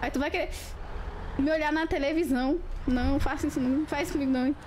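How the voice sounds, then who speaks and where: A woman's voice: high-pitched, fairly even intonation, fast, a little mellow, a little hiss or hum. A woman, chatting playfully with viewers on a live stream through a webcam, teasing and giggling.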